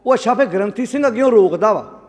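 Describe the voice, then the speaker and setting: High-voiced Punjabi preacher in an echoey hall. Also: male voice, fast talker. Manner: animated storytelling, acts out quoted villagers, asks the congregation to answer. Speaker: Sikh preacher. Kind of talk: katha sermon.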